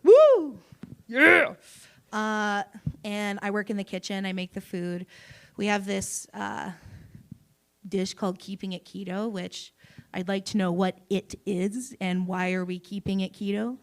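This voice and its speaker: Gravelly young woman doing open mic stand-up. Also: medium pitch, unhurried. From Canada. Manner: deadpan with sudden loud bursts and giggles. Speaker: stand-up comedian. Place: small comedy venue on stage.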